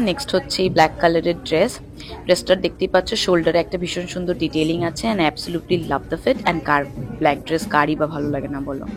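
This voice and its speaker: A young woman chatting casually to her viewers in a vlog, mixing English phrases into her talk while filming on a phone. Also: on the low side. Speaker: lifestyle vlogger. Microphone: phone camera.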